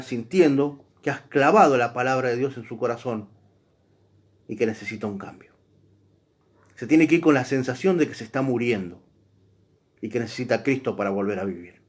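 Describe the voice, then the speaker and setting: A man's voice: medium pitch, darkish tone. A man giving a church class as a Bible teacher, speaking emphatically and addressing the listener directly.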